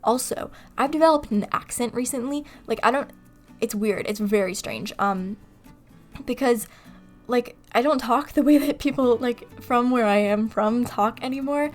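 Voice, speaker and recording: A woman's voice: a little high, moderate pace, soft background music. Woman, from California, casual voice-over, rambling, laughs at herself, desk mic. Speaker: video creator. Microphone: desktop mic on computer recording software.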